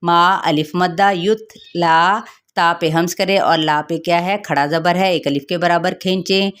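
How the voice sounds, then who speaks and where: A woman with a slightly low voice teaches the rules of Quran recitation. She works through each letter and elongation patiently, one step at a time, like a teacher in a lesson. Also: steady tone, clean tone. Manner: slow, drawn-out melodic recitation of verses; patient, step-by-step instructional explaining. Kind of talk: tajweed lesson, recitation then explanation.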